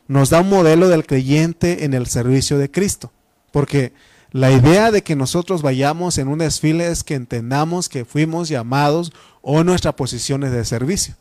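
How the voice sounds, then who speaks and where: A man's voice: on the high side, a little mellow, dry recording. A Mexican man preaching a Bible study sermon in a teaching manner, repeating phrases and using frequent fillers. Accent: Mexican Spanish.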